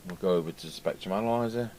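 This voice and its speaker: At an indoor repair workbench, a radio repair technician gives a casual hands-on demonstration, muttering and thinking aloud as he works. His low voice is a little mellow and races along. Workshop ambience is clearly audible in the background.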